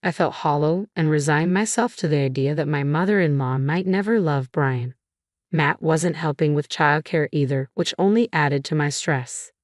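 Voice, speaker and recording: A woman reading a first-person family drama story in an even, measured way. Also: sits low, dry recording, studio quality. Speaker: narrator.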